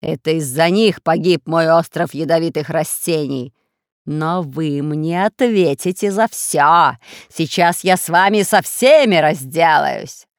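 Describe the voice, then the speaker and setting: A woman voicing a menacing male lord of plants, a mad gardener villain in a children's audiobook, speaking slowly and threateningly. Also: low-pitched, fairly bright tone, clean tone, no room sound, studio quality, exaggerated voice. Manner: slow and threatening.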